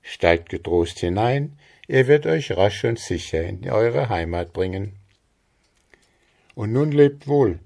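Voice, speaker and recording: A man voicing a gentle, teasing female rain spirit in a fairy-tale reading. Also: on the low side, animated, slow, vocal fry, full character voice. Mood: kindly.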